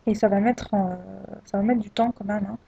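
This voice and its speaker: A woman presenting a screen-recorded software tutorial speaks hesitantly, pausing often, restarting phrases and using many fillers. Her mid-range voice is gravelly, dark and a little husky, with a steady tone. The recording is dull and lo-fi, like a desktop mic, with no echo.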